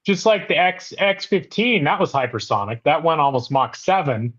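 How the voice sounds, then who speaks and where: Guy cohosting an aviation podcast, kinda high voice, dull lo-fi sound, keeps restarting mid sentence. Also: expressive, moderate pace, fairly bright tone, breathy edge. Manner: explains eagerly with repeated restarts. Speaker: podcast co-host. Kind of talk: casual aviation podcast chat.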